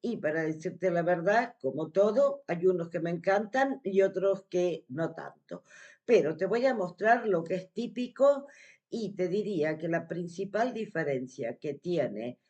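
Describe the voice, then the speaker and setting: A woman's voice: fairly low pitch, expressive, a little slow, warm tone, dull audio. An Argentine woman with an Argentine Spanish accent, chatting casually to camera as a vlogger, explaining things step by step with lots of fillers. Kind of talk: casual vlog chat.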